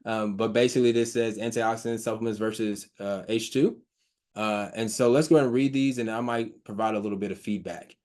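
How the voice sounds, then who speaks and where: A man giving an informal slide talk, reading research quotes aloud and explaining them haltingly, with frequent fillers, restarts and a stutter he mentions himself. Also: fairly low pitch, steady tone, darkish tone. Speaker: presenter on hydrogen health research.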